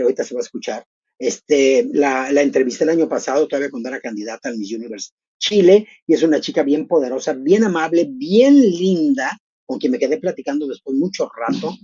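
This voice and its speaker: A middle-aged host chats expressively through live pageant commentary and speaks straight to the viewers. The voice sounds mellow and a little husky. It comes through dull, dry, lo-fi stream audio. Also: mid-range voice, dry recording. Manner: expressive, chatty, addresses viewers directly.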